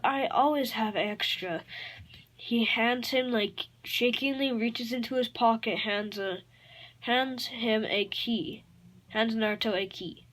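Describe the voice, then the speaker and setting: A woman improvising a fan-fiction story aloud, rambling and halting, with many fillers and self-corrections. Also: a little high, fairly even intonation, a bit bright.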